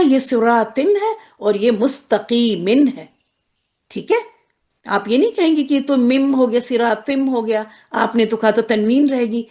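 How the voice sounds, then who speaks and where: A woman with a slightly raised voice teaches a class of women. She explains each term plainly and drills words at a slow, careful pace. She often pauses to ask if everyone is following. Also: fairly high pitch, darkish tone. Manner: checks in often with "okay?", drills words slowly. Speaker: Quranic Arabic teacher. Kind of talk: explanatory lesson to women students.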